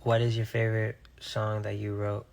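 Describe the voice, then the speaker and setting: Gravelly-voiced young singer from Rhode Island. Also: male voice, on the low side, normal speed, slight background noise. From Rhode Island, USA. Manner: relaxed, reads viewer questions aloud and answers offhandedly. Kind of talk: casual live-stream chat answering viewer comments.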